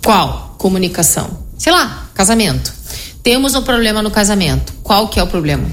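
A middle-aged woman psychologist, explaining her method in an animated conversational interview, often tagging her sentences with "né?". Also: medium pitch, normal speed, a little hiss or hum. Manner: explanatory, animated, frequent "né?" tag questions.

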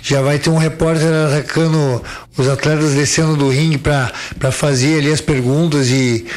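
Chatty organizer on local radio. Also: male voice, fairly high pitch, steady tone, normal speed. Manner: rambling, repeats words, many fillers. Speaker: event organizer guest. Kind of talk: casual radio interview.

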